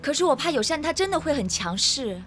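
An actress playing a sweet, earnest young daughter in a television drama. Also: female voice, high voice, very animated, a little fast, music in the background. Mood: earnest, concerned. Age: young adult.

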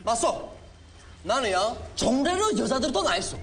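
A man's voice: extremely high pitch, very animated, normal speed, fairly bright tone, heavily acted. A man playing a brash, boastful younger bachelor in a comic sketch, effusive and exclamatory, with a Yanbian Korean accent from China. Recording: clear background noise with clicks.

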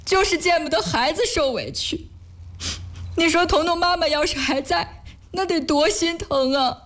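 An actress plays a caring, soft-hearted wife devoted to charity in a sentimental audio drama. Her mid-range female voice is slightly husky, earnest and expressive at a moderate pace, and she sounds tearful.

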